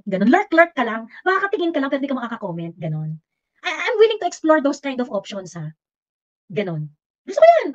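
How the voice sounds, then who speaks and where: A woman with a Filipino accent hosting a casual livestream, combative and teasing, mixing English into her talk. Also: high voice. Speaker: livestream host. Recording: slightly dull lo-fi audio.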